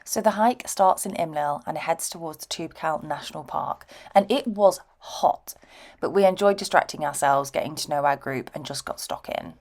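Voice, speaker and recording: A young woman narrating her travel vlog in a relaxed, reflective voice-over. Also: sits low, moderate pace. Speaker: vlogger narrating her trip.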